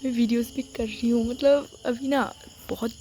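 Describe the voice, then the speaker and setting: Young woman vlogging from a car at night, whispers a lot, loud crickets behind. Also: on the high side, fairly even intonation, moderate pace. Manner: often whispers while hiding. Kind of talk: casual vlog. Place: parked car at night, outdoors nearby. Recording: phone audio with loud night insect noise.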